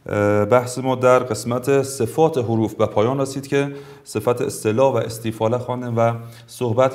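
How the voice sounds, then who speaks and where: A man's voice: mid-range voice, a little mellow. Afghan Dari-speaking male tajweed teacher. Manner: formal and courteous, drawls each example word slowly twice. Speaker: Quran recitation teacher. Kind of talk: tajweed lesson with slow recited examples.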